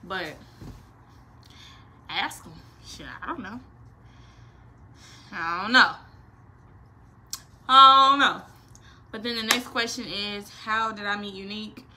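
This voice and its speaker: In her small bedroom, a nineteen-year-old vlogger runs a laid-back, playful Q&A, speaking slowly with long pauses in a mid-range voice. Slight background noise is present, and she's animated and slangy, gesturing expressively as she talks.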